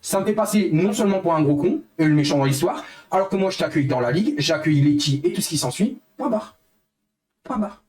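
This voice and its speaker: Young male streamer, upset and venting to viewers, voice sits a bit high. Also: lively intonation, quick pace, few pauses, darkish tone. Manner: heated, repetitive, addresses chat as guys. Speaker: livestreamer. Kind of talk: angry live stream rant to chat.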